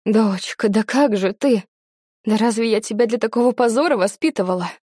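A woman putting on a stern, scolding mother in a storybook, her voice rising sharp and loud. Mellow underneath, recorded dry and close. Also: on the high side, moderate pace, no echo, natural voice. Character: strict scolding middle-aged mother.

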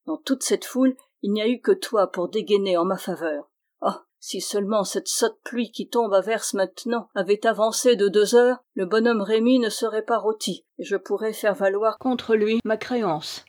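A woman's voice: mid-range voice, normal speed, a little mellow, close to an everyday voice. A woman voicing an impish little male dwarf who mocks and teases in a raised, exuberant voice. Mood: teasing. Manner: teasing, exuberant.

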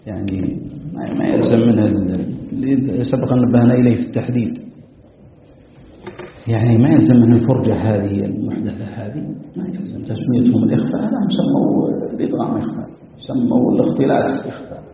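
A man teaching a Quranic recitation lesson, giving animated, emphatic commentary with asides. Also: medium pitch, quick pace, a little hiss or hum. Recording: tinny phone-like audio, echoey hall.

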